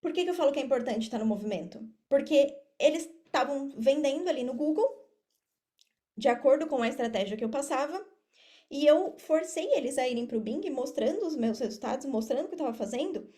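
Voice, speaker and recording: With a clearly high, warm voice, a Brazilian woman appears as a podcast guest, speaking expressively and fairly quickly. An affiliate marketer and mentor, she explains things in a casual interview, often addressing listeners directly.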